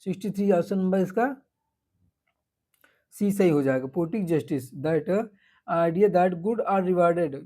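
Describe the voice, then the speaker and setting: Guy going through quiz answers real slow, mellow kinda flat tone. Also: high voice. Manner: switches between Hindi and English, reads passages slowly with many fillers. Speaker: exam prep teacher.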